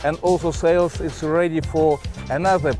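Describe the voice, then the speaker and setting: Russian accent guy explaining stuff in halting broken english, casual interview, music behind him. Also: a little high, fairly even intonation, a little mellow. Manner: halting, simple broken English with repeated words. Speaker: adventurer and sailor, interviewee. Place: on a sailboat in a marina, cockpit and cabin.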